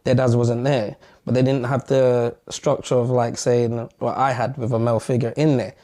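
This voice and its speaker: A man's voice: mid-range voice, little pitch movement, moderate pace, dark tone. A young man from London, a podcast co-host in the guest seat, talking things over in a rambling, reflective way with lots of "you know what I'm saying". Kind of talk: casual podcast conversation.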